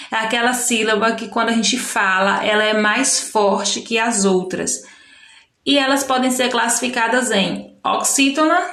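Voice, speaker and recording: A primary school teacher with a Brazilian Portuguese accent records a remote lesson for young pupils, walking through a textbook. Her voice is a little high and fairly bright, the room sounds roomy, and she explains slowly and patiently, often correcting herself.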